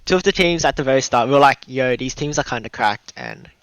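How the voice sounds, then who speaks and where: A young man co-casts an esports match in a casual, slangy way. His voice sits at a middle pitch and the recording is dry, with very little room sound. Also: animated, fast talker, fairly bright tone, clear, resonant tone, no echo, poor audio. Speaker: esports co-caster. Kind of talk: casual esports caster commentary with gamer slang.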